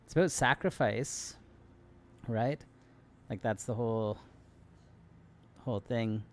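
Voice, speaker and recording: A man's voice: medium pitch, slow pace. A man giving casual game commentary, thinking aloud in musing questions. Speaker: gamer commenting on a playthrough.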